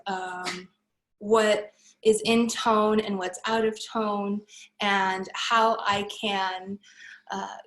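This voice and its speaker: A woman's voice: medium pitch, echoey room, rough recording. A woman giving a reflective personal introduction in earnest, flowing words. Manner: earnest, flowing, spiritual wording. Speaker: community participant.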